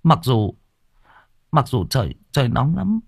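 Guy playing a big nervous teen boy in an audiobook, stammers a lot, lowish voice, very dry. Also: unhurried, dry recording. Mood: frightened. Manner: stammering, hushed. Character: big burly teenage boy, nervous and scared. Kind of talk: audiobook character voice.

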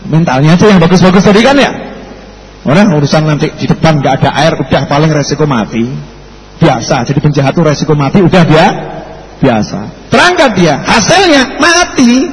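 Lively Javanese-accented male preacher. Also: fairly high pitch, brisk. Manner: lively, switches into local dialect. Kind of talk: sermon storytelling. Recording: echoey hall, faint background noise.

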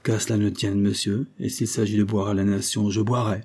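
A man's voice: fairly low pitch, little pitch movement, brisk, a little mellow. A man voicing a frightened young noblewoman in an audiobook, speaking timidly. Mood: pleading. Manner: timid, trembling.

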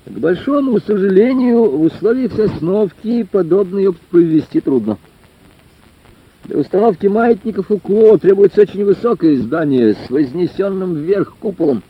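A man's voice: sits high, husky, pitched above the performer's own voice, full character voice. A man doing a pompous village lecturer. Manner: declamatory, slow, tribune-like. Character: pompous rural lecturer man, bureaucratic, droning. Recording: dull lo-fi recording.

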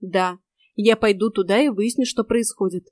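In an audiobook, a woman voices a loyal, earnest young male werecat who speaks pleadingly. Her voice is mid-range, a little mellow and close to everyday speech, at a moderate pace, with clean studio sound and no room sound.

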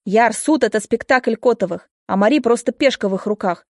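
A woman's voice: fairly high pitch, darkish tone, no echo, studio quality. A woman voicing an anxious young man, the wife's ex-husband, who urgently pleads to be heard. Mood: urgent pleading. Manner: hurried, pleading.

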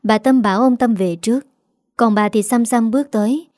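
A woman narrating a scripted family story in an even storytelling manner. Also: fairly high pitch, normal speed, dry recording, studio quality.

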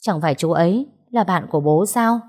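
A woman's voice: on the low side, lively intonation, fairly quick, darkish tone. A woman reading a story aloud, voicing a spoiled woman near thirty who talks back resentfully to her father.

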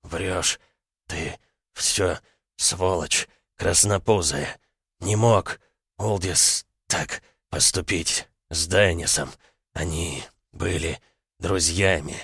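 A man voicing a dying young bandit, whispering slowly. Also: low-pitched, fairly even intonation, a bit bright, slightly rough, no echo, studio quality, full character voice. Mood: bitter. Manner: slow, halting, pausing between words. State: weak, speaking in a whisper. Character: wounded young male bandit, weak and bitter.

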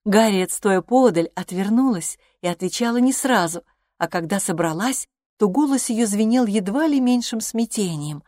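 A woman reading a classic novel aloud in a calm literary audiobook narration. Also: mid-range voice, normal speed, dry recording, clean studio sound. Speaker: audiobook reader.

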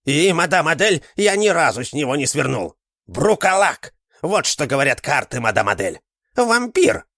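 A man voicing an old male village fortune-teller who is sly and ominous, with excited exclamations and drawn-out words. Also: mid-range voice, no echo, clean studio sound.

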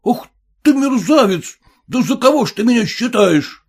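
A man voicing a nervous, haughty gentleman passenger who talks in an indignant, demanding way. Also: very high voice, expressive, moderate pace, breathy edge, voice pushed up, heavily acted. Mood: suspicious, indignant.

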